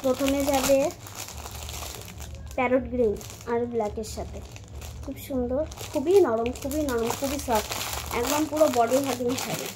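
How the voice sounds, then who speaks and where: A woman casually showing off sarees for sale, talking to her viewers in a soft, repetitive way about how soft the fabric is. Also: high-pitched, fairly even intonation, moderate pace, long pauses, background noise. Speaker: saree seller. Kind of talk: casual product showcase.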